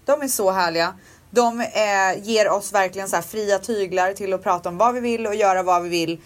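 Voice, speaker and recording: A pregnant woman co-hosting a podcast, chatting casually with frank opinions and lots of fillers. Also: medium pitch. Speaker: podcast co-host. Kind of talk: casual chat.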